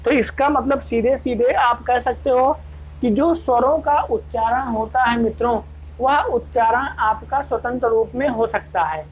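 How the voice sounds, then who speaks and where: A woman's voice: on the high side, unhurried, slightly rough, rough recording. A woman teaching an exam-prep grammar lesson. She speaks, keeps asking her students rhetorical questions and answering them herself, and repeats each point. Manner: addresses students as friends.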